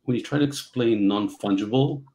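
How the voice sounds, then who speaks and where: Gravelly-voiced man telling his story. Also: mid-range voice, mellow, poor audio. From Central Africa. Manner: halting, many "uh" and "um" fillers. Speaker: guest. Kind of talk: casual interview storytelling. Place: home office. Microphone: video call.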